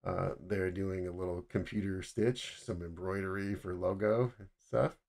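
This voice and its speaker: Middle-aged guy, deep low voice, walking thru factory photos, lots of restarts. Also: steady tone, moderate pace, vocal fry, darkish tone. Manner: casual, explanatory, many restarts. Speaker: footwear design instructor. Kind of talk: narrating a factory slideshow. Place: indoors, webcam over slides.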